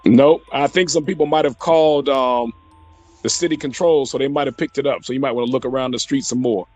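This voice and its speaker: A man's voice: mid-range voice, fairly even intonation, fairly quick, darkish tone, faint music behind. A man with a mid-range voice speaks through a doorbell camera speaker, curt and guarded. The sound is distant and thin, like the device's own audio. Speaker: homeowner.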